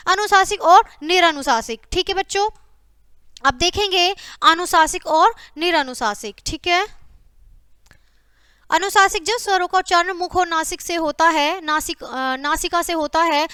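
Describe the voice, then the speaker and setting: A woman's voice: very high-pitched, sharp tone, no echo, studio quality. A woman teacher giving a grammar lesson to children, constantly saying "okay" and listing example words one by one. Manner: repeats "ठीक है" and addresses "बच्चों" constantly. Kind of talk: classroom grammar lecture.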